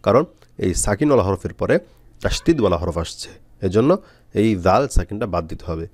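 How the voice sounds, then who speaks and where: A man teaching Quran reading, spelling out letters and syllables slowly with frequent pauses. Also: lowish voice, animated, dry recording. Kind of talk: step-by-step spelling lesson.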